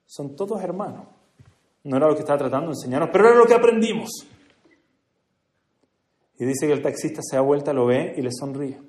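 A man's voice: on the high side, lively intonation, fairly quick, pauses often. Earnest man giving a religious speech. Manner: earnest, swings from hushed to emphatic. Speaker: speaker at a community prayer gathering. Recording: echoey room.

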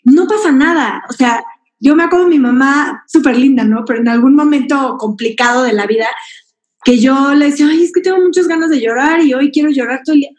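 High-voiced woman in echoey room. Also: fast talker. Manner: warm personal storytelling with many fillers. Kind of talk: casual chat.

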